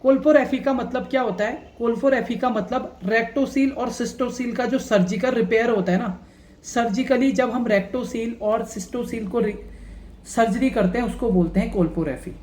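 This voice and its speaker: A woman teaching nursing exam questions, reading each one slowly and then explaining it in a chatty, conversational way. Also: a little high, darkish tone. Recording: echoey room.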